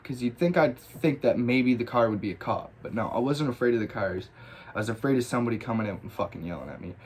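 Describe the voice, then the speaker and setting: A man's voice: mid-range voice, slight background noise. A man telling a personal story in casual, rambling style, with lots of swearing and restarts. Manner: profane, rambling, animated retelling. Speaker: graffiti storyteller.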